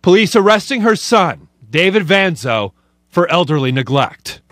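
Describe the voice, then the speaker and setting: A man narrating a scripted TV news package in a steady, factual way. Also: sits high, moderate pace. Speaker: news reporter.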